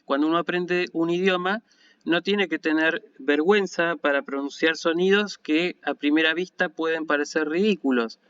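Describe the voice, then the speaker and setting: A man's voice: on the high side, normal speed, fairly bright tone, clean tone. A man with an Argentine Spanish accent giving an online university lecture, explaining patiently and often checking in with listeners. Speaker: university lecturer in Ancient Greek. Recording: dull lo-fi recording.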